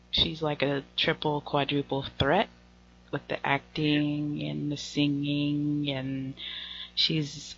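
A woman hosting a casual podcast chat, laughing often and filling pauses with ums, sometimes dropping almost to a whisper. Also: low-pitched, vocal fry, fairly bright tone. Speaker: podcast host. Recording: slightly dull lo-fi audio with faint noise.

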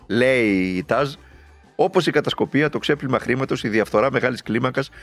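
Indignant, sarcastic man with a gravelly voice. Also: mid-range voice. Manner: sarcastic, indignant, heavy rhetorical questions. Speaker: political commentator. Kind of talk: impassioned political monologue.

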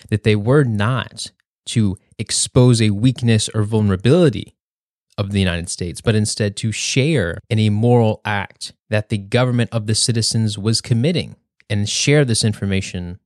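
Low-voiced young man reading a speech. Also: a little mellow, no room sound, clean studio sound. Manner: measured, earnest, speech-like delivery. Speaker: podcast host.

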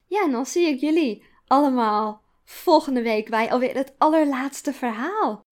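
A woman author reading her own first-person story aloud, quiet and deliberate. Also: high-pitched. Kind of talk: storytelling narration.

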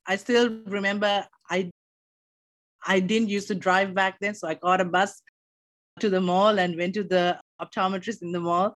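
A young woman from Sri Lanka talks earnestly as an interview guest, often restarting her phrases. Her voice sits at a mid pitch and sounds close and dry, with no room echo. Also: steady tone, normal speed. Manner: earnest, with frequent small restarts. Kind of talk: casual interview storytelling.

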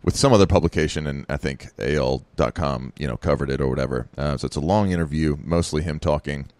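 Rumbling low and fast, a man co-hosts a podcast with a darkish tone, rambling casually through lots of fillers and restarts. The recording is dry.

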